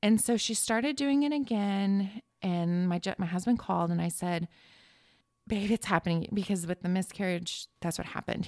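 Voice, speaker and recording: Creaky-voiced woman telling a personal story. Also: lowish voice, darkish tone, dry recording, studio quality. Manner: earnest, emotional, many restarts. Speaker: podcast guest.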